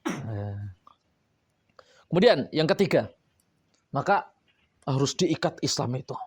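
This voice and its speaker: A man preaching a sermon to boarding school students, coaxing and playful, with lively asides. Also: medium pitch, slow pace, slightly rough, dry recording.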